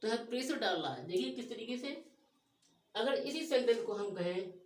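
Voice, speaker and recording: A woman with a Hindi accent teaching a grammar lesson, drawing out her English example sentences slowly. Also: fairly high pitch, lively intonation, roomy sound.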